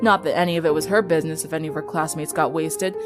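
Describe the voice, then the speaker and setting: This fan fiction narrator is a woman with a deep voice who talks fast with fairly even intonation. Music sits beneath her as she reads the story as scripted dramatic narration.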